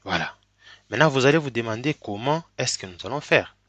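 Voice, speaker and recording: There's no echo on this screen-recorded coding tutorial, where a tutor with a cold speaks in a mid-range voice with lively intonation and a fairly bright tone. He explains things slowly, step by step, with frequent "ok?" checks.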